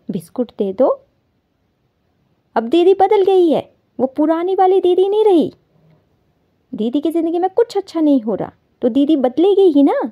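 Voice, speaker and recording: High-voiced woman ranting in a comedy sketch. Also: dull audio. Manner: dramatic, scolding, self-pitying rants. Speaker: comic sketch performer playing a reluctant bride. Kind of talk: comic sketch monologue.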